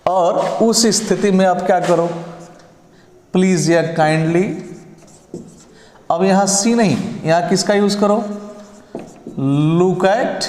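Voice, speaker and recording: A man teaching a lecture on English words, explaining slowly and often asking whether the class has understood. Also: sits high, a little mellow, slight background noise. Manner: explains slowly, drawing out example sentences; checks understanding with repeated questions. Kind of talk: online lecture. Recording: echoey room with long reverb.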